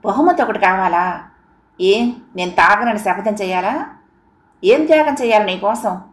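A woman's voice: medium pitch, expressive, unhurried, close to an everyday voice. A woman voicing a jilted young man in an audiobook, scornful and bitter, recorded in a roomy echo. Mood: angry, bitter. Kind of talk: audiobook character reading.

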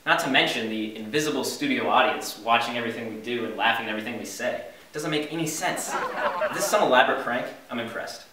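A man's voice: mid-range voice, fast, close to an everyday voice. A young man playing a bewildered, exasperated straight man with sitcom delivery. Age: young adult. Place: living room of a house. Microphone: camera mic across the room. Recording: very echoey house, distant mic, faint noise.

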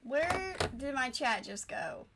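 A woman's voice: high-pitched, very animated, slow pace, noisy background. A woman streaming a game, chatting casually and greeting viewers, coughing now and then.

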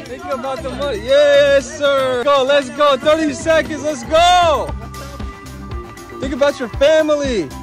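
A man hosting a street challenge outdoors, giving excited commentary full of exclamations and swearing. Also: very high-pitched, unhurried, crowd noise. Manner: animated exclamations, profanity, frequent laughing. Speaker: challenge host filming strangers. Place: outdoors in public parks. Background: music.

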